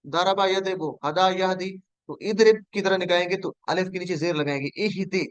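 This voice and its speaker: High, clear-voiced male teacher leading drills. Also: normal speed, no echo. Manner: patient, repeats drills and invites students to answer. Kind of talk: online class lesson with drills.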